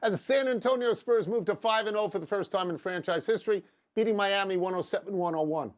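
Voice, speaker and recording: A man's voice: high-pitched, fast. An older man co-hosting a sports debate show, needling and sarcastic as he argues and reads stats. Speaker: sports talk show co-host.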